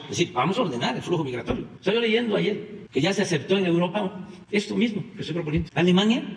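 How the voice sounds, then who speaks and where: A Mexican man giving a press conference as president, speaking in a measured way with frequent pauses and fillers. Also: on the high side, a bit bright. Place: large conference hall. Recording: long hall reverb, faint background noise.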